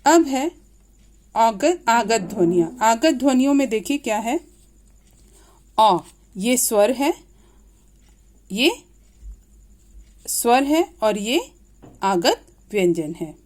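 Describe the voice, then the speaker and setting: A woman teacher giving a grade-school grammar lesson, slowly and patiently repeating each example aloud. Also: fairly high pitch, expressive, darkish tone.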